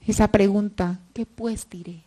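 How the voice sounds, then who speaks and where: A woman's voice: medium pitch, steady tone, unhurried, warm tone. A woman preaching a Sunday sermon, often dropping to near whispers and rising to fervent cries.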